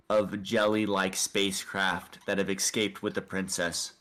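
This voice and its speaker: A man guides his players through a space adventure as game master. His voice sits low, and he narrates slowly and deliberately, pausing between phrases. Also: a bit bright. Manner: slow, deliberate narration with pauses. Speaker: dungeon master.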